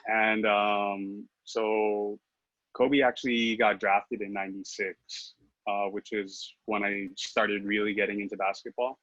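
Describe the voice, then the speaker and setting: Speaking as a guest on a podcast, this Philippines-born man in his 30s, who grew up in Los Angeles, keeps stopping to restart and leans on fillers. His fairly low voice is flat, unhurried and fairly bright, recorded with no echo and dull audio.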